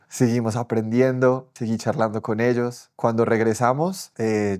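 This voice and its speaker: A man's voice: fairly low pitch, a little mellow. Earnest young man giving testimony. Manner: earnest storytelling, often quoting himself. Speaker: testimony speaker. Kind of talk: personal faith testimony.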